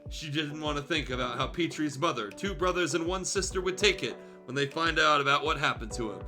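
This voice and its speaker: Brisk and bright with a pushed edge, this fairly high male voice belongs to a streamer reading fan fiction. It's lively storytelling with a casual feel, small self-corrections, and side remarks, all over music.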